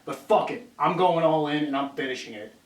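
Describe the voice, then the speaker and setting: Male YouTuber, higher-pitched, ranting wildly and swearing freely, recorded far from the mic in an echoey room. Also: a little fast. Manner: wild, profane, rambling rant. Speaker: comedy advice YouTuber. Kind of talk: unscripted ranting monologue to viewers. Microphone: distant camera mic, separate microphone not recording.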